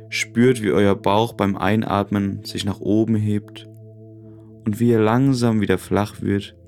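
Man, lowish pitch, creaky fry, calm and soothing meditation guide, long pauses, soft music behind. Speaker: podcast host. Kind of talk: guided relaxation meditation narration.

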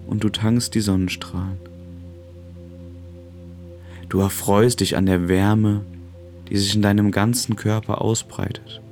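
Calm low-voiced man guiding relaxation. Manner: calm, gentle, soothing delivery with long pauses. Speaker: podcast host. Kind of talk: guided relaxation meditation narration.

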